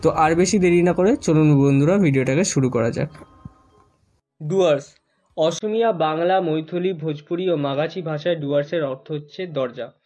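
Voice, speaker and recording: Male travel host, voice a bit high, scripted guide read for viewers. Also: moderate pace, warm tone, soft background music. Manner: addresses viewers as friends, lists costs and routes.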